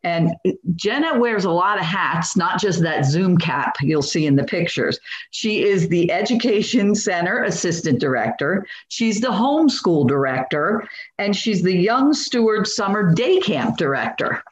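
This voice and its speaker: A woman's voice: on the low side, expressive, a little slow. A woman hosting an online award ceremony and introducing awardees, chatty, with playful asides. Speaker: awards presenter. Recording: dull roomy video-call audio with faint noise.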